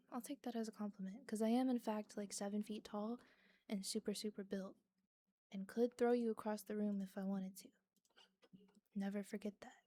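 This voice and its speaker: A woman's voice: a little high, warm tone. A woman live streaming from her apartment, chatting casually and self-deprecatingly with viewers between songs on a desk microphone. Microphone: desk microphone she can mute.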